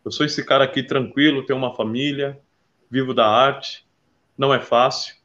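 A man, a street artist, telling his story earnestly in an interview, jumping between lively bursts and soft, quiet asides. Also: medium pitch, moderate pace, muffled recording. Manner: earnest, calls the listener "my brother". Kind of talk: animated personal storytelling.

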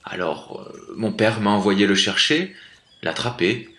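A man's voice: lively intonation, a little slow, bright, forceful tone. A man voicing a naive young prince who pleads in a raised voice, in a storybook reading. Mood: pleading. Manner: pleading, higher than the narration. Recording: echoey room.

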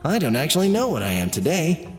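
Cheerful naive robot sidekick, read by a male narrator, higher than his own voice and very animated, in a storybook. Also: fast, faint music behind. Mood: cheerful, innocent. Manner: chatty, guileless, catches himself mid-sentence.

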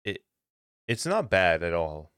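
Young man, podcast co-host, low smooth voice, dry close sound, swears casually, laughs a lot. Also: sing-song, takes it slowly, no echo. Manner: loose and profane, laughing often, mimicking yells. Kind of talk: casual chat.

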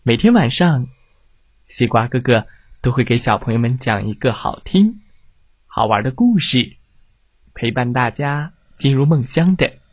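A man reads a bedtime story to young children in a soft, lilting way. His voice is slightly husky and moves with animated rises and falls. He keeps an unhurried pace, and the sound is close and dry. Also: medium pitch, no room sound. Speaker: storyteller host.

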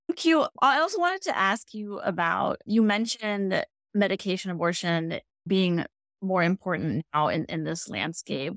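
Brief: woman podcast host with vocal fry, loose chatty interviewer, dry mic. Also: on the low side, expressive, unhurried, fairly bright tone, no echo. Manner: chatty questions with restarts.

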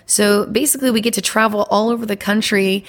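A woman chatting as a podcast guest, bubbly and quick to laugh. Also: mid-range voice, fairly even intonation. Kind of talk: casual podcast chat.

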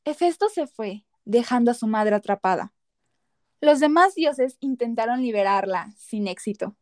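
High-voiced woman narrating myths. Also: expressive, moderate pace, no room sound, studio quality. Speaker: podcast narrator. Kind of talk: scripted dramatic storytelling.

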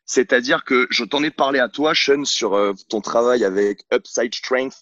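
A blunt, outspoken man speaks as a coach in a casual interview, often stumbling and restarting mid-sentence. His voice sits at a middle pitch. The sound is dry and a little dull, as if recorded on a camera at home. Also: normal speed, a bit bright, dry recording. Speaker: CrossFit coach, podcast guest. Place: at home on a couch, filming himself. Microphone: camera mic.

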